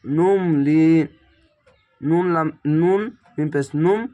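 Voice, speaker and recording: A man's voice: a little high, normal speed, muffled recording. A man with a slightly strained throat teaching Quran reading, spelling out Arabic syllables one by one and drawing out the recited words.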